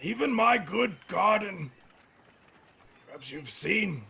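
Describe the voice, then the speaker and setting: A man voicing a grumpy, bitter old nature priest in a tabletop game, with a creaky, raspy, slow and solemn delivery. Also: high-pitched, lively intonation, bright, forceful tone, heavily acted. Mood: mournful, grumbling. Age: older. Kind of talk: tabletop role-play acting.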